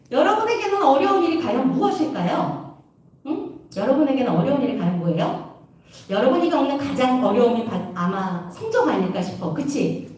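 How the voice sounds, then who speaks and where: A woman youth preacher giving a lively sermon to young people, constantly asking her listeners questions. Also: high voice. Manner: animated, keeps asking the audience questions. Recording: echoey hall from far off.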